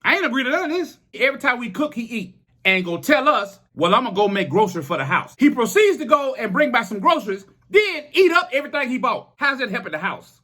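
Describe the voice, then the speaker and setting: Man, high voice, quick, animated, profane storytelling. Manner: animated, profane, acts out dialogue. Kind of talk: casual storytelling.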